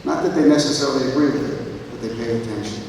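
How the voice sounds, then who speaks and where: A man giving a measured, earnest formal introduction at a school graduation. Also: medium pitch, a little mellow, a little hiss or hum. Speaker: commencement presenter. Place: large hall, far from mic. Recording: echoey hall from far off.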